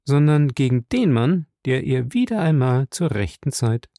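A man narrating an audiobook in a lively, expressive reading style. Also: mid-range voice, unhurried, no room sound, studio quality.

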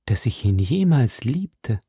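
A man's voice: medium pitch, big pitch swings, slow pace, mellow, breathy edge, no room sound, heavily acted. A man voicing a cold, scheming young noblewoman who speaks in a cutting, mocking tone.

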